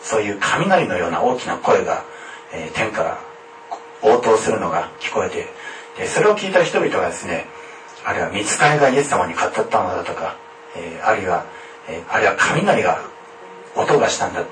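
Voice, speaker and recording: A man preaching a sermon in a formal, measured way, often pausing on hesitant fillers. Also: fairly low pitch, sing-song, a bit bright. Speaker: pastor. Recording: echoey room, distant mic, faint noise.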